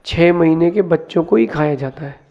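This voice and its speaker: A man, a monk, giving a sermon, telling parables in a lively teaching way and mixing in English words. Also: on the high side, moderate pace, gravelly. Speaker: Jain monk giving a discourse. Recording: dull lo-fi sound.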